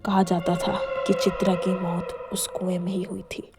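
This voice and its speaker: A woman narrating a horror story in a hushed, whispery voice, speaking to viewers as guys. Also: lowish voice, monotone, normal speed. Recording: loud background music.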